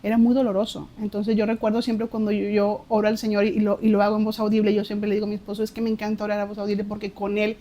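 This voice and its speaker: A woman's voice: medium pitch, completely flat delivery, fast, few pauses, mellow, highs cut off. A woman, a podcast guest, reflecting on her faith testimony and often repeating words as she searches for them.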